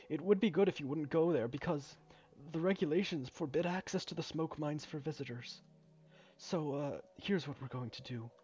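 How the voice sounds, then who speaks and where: A man's voice: mid-range voice, a little mellow, natural voice. A man doing a fumbling mine overseer. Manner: halting, full of uhs and fumbling restarts. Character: hesitant male mine overseer, polite and rambling. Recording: dull lo-fi recording.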